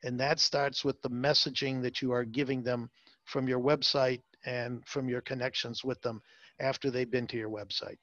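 Speaking at an ordinary speed in a level tone, this man has a medium-pitched, slightly bright voice, captured with no room sound but dull audio. As a salon marketing consultant in an interview, he offers advice forcefully, repeating words and leaning on fillers.

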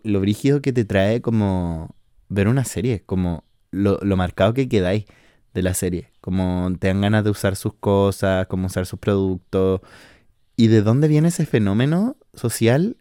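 In a casual monologue from his rural home, a Chilean man in his twenties hosts his podcast with slangy, chatty talk laced with swearing and fillers. He has a fairly low pitch and a dark tone, heard in a dry recording with clean studio sound.

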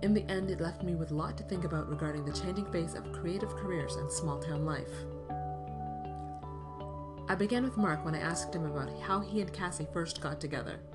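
A woman hosting a local interview podcast, reading a calm, measured introduction. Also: fairly low pitch. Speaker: podcast host. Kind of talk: scripted narration. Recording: music bed behind narration.

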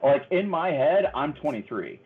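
A man's voice: a little high, big pitch swings, normal speed, breathy edge, narrow, tinny audio. A man in his thirties, a guest on a podcast, telling stories in a friendly way and laughing often. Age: 30s. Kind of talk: casual interview chat.

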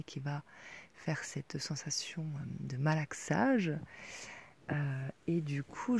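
A woman in her forties giving intimate advice, talking softly and hesitantly with many fillers, often sinking to a near-whisper. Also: deep voice, creaky, husky. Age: 40s. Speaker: sex educator.

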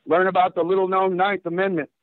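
A man's voice: sits high, flat delivery, fast talker, no room sound. A male caller from Washington State, talking over the phone on a call-in show, fired up and rambling with lots of fillers. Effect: phone line. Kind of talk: casual call-in talk. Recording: tinny dry phone line.

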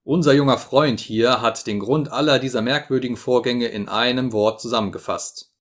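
A man's voice: medium pitch, fairly even intonation, normal speed, lightly acted. A man voicing a pompous, self-satisfied elderly male professor in a grandiloquent, lecturing manner, read from a storybook.

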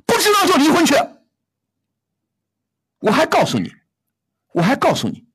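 A man's voice: very high-pitched, wildly swooping pitch, moderate pace, fairly bright tone. A middle-aged man hosting a call-in advice show, bluntly scolding a caller with rhetorical questions. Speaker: radio advice host.

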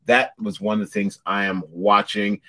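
A man with an American accent hosting a casual review chat, talking in an animated way with conversational asides. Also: on the low side, moderate pace. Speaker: show host.

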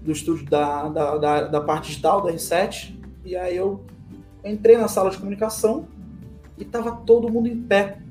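A man's voice: sits high, steady tone, moderate pace, a little mellow, echoey room. Man, storyteller type, acts out quotes, faint background music. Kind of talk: animated anecdote telling.

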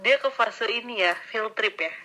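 Bright-voiced young woman asking teasing questions. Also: on the high side, normal speed, low-quality recording. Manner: teasing, reactive, prompts with questions. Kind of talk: casual chat.

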